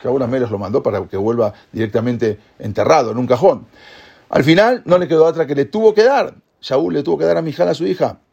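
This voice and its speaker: Husky, gravelly man teaching a class. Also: medium pitch, fairly quick, lo-fi sound. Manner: lively retelling that acts out the characters' voices. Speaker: religious teacher. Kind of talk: Torah class storytelling.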